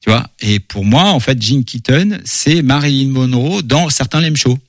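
A man's voice: mid-range voice, lively intonation, moderate pace, no room sound, studio quality. A man, a comic book author, chatting casually in an interview with lots of fillers and repeated words.

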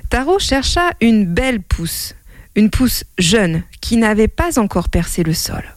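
Slow, expressive woman storyteller. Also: on the high side, dry recording. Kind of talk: reading a children's tale aloud.

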